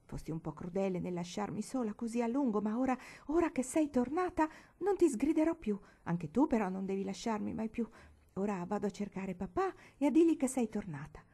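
A woman's voice: medium pitch, expressive, brisk, mellow. A woman reading an audiobook, voicing an unhinged, grieving older noblewoman who pleads with feverish tenderness. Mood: coaxing.

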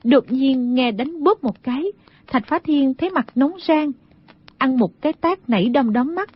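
A woman reads a novel aloud in steady scripted narration. Her voice sits a little high and sounds husky. The recording is dull and lo-fi. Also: normal speed. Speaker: audiobook narrator. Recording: dull lo-fi audio.

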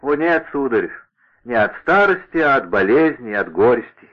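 A man's voice: mid-range voice, sing-song, moderate pace, natural voice. A man voicing a fat, aging male servant who talks in a mournful, deferential way. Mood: plaintive. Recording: narrow radio-like sound.

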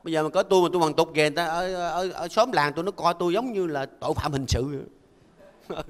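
An older Buddhist monk gives a folksy, conversational dharma talk and keeps asking listeners to agree. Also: male voice, on the high side, brisk, long reverb tail. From Vietnam. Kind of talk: conversational sermon.

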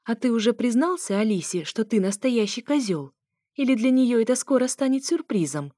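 A prickly young woman bristles and snaps, her voice pushed higher and louder than the narration, as a woman reader performs her. Every line lands with offended bite in a dry, close sound. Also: animated, normal speed, dry recording. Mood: indignant. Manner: indignant, snapping. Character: sharp-tongued young woman arguing with ex-husband.

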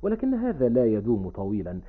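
A man's voice: medium pitch, wildly swooping pitch, quick pace. A man playing an eager boyish young son. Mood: chatty. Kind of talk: radio drama acting. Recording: tinny lo-fi old radio recording.

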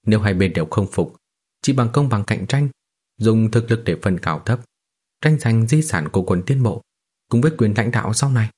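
A man's voice: lowish voice, lively intonation, normal speed, a little mellow, breathy edge. A man reading a cunning cultivator master. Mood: calm.

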